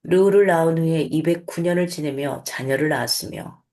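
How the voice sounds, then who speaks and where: A woman who reads scripture aloud in turns, then explains it in a relaxed, conversational teaching manner with fillers and small restarts. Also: deep voice, normal speed. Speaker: host, Bible teacher. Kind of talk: Bible reading and casual explanatory teaching.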